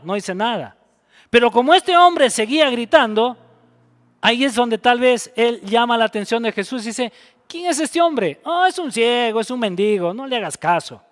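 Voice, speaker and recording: A man preaching a sermon as pastor, animated, acting out voices of people in the story. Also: extremely high pitch. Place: church sanctuary. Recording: church hall reverb.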